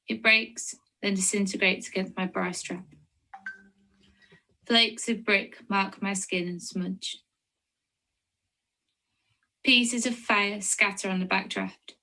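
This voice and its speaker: A woman's voice: medium pitch, pushed and bright, rough recording. A woman from England with a Lancashire accent, a poet introducing and reading her own work. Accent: Lancashire English. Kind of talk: poetry reading with spoken introduction.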